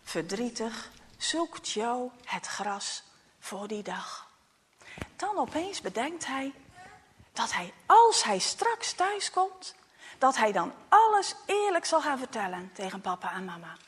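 A woman narrates a children's story at an unhurried pace, often sinking into a hushed, almost whispered tone. Her fairly high voice rises and falls widely to carry the emotion of each moment. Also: sing-song, breathy edge, in a large hall.

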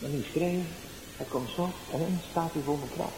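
A male evangelist, giving a sermon with personal testimony, going from soft storytelling to loud exclaiming. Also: fairly high pitch, fairly quick. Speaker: evangelist preacher. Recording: roomy echo, faint background noise.

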